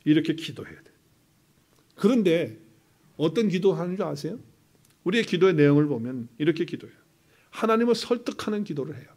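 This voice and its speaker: A middle-aged man preaching a sermon as pastor, swinging between loud emphasis and quiet asides and acting out prayers in quoted voices. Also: on the high side, lively intonation, brisk, long pauses.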